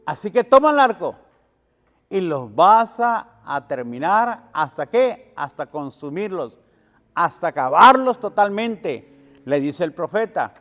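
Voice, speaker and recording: A man pastor preaching a sermon, asking his congregation questions and answering them himself, swelling louder on key words. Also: sits high, very animated, takes it slowly, big-room sound, soft background music. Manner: preaching with call-and-response questions and swells in volume.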